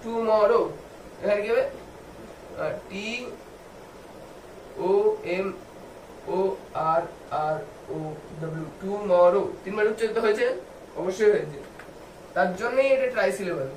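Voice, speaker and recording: A man giving a video lesson for students, spelling words out slowly letter by letter and asking questions he answers himself. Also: high voice. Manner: asks the viewers questions and answers them himself. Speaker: English tutor. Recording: echoey room, distant mic, faint background noise.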